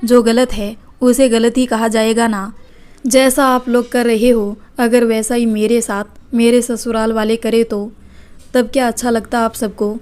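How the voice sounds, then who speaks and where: A woman's voice: fairly high pitch, little pitch movement, measured pace, darkish tone, natural voice. A woman voicing an outspoken, caring elder sister-in-law in a read-aloud family story. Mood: angry. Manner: firm, reproachful.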